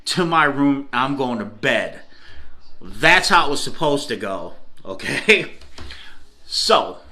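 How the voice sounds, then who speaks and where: Man, middle-aged, from Cleveland, casual storytelling, chatty, laughs a lot, bright clear tone. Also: medium pitch, sing-song, takes it slowly. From Cleveland, Ohio. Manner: chatty, laughs often, repeats "okay?". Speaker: food reviewer telling a story.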